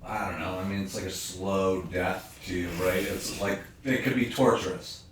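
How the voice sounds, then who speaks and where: A man hosting a casual chat, joking and rambling, with bits of slow deadpan. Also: low voice. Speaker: host, camp staff member. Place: indoor room with a couch. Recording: roomy, distant mic with background noise.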